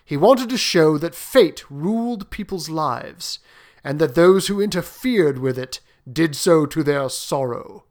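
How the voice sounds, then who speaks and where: A man voicing a grave, world-weary middle-aged sergeant major who speaks solemnly and gruffly in a storybook reading. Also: fairly high pitch, animated, a little slow.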